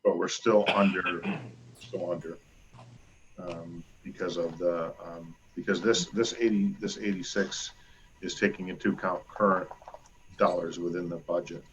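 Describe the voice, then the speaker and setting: A man, the town supervisor, chairing a virtual board meeting. He is brisk with procedure and fills his explanations with ums and uhs. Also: sits low, flat delivery, a little hiss or hum, poor audio. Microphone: video call.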